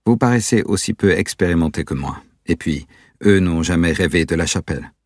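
A man's voice: sits low, lively intonation, a little fast, dry recording, studio quality. A man reading an audiobook, voicing a guarded, paranoid young man who hesitates before he speaks. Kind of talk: audiobook character voice.

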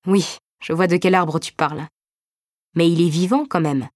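A woman voicing a gentle older brother who explains things patiently and reassuringly in a narrated story. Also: on the low side, steady tone, moderate pace, no echo, clean studio sound, natural voice. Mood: patient explaining.

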